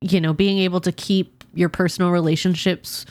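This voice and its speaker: A woman's voice: lowish voice, flat delivery, normal speed, a little mellow. A woman podcast co-host who reads a novel aloud and then chats, effusive and emotional, weepy and sneezy from allergies. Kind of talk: reading a novel aloud, then casual chat.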